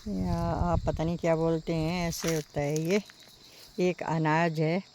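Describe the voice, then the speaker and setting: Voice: medium pitch, flat delivery, slow pace, noisy background. A village vlogger from talks casually outdoors among small crop beds, pointing things out and repeating "look at this" as they show the plants. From Uttarakhand, India. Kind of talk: casual walk-around farm vlog.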